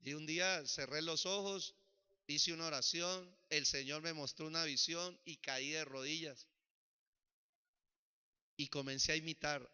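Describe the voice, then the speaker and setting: A male pastor preaching a sermon with personal testimony, swinging from shouts to soft, dramatic lines. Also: on the high side, smooth. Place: church sanctuary. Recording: dull lo-fi church recording.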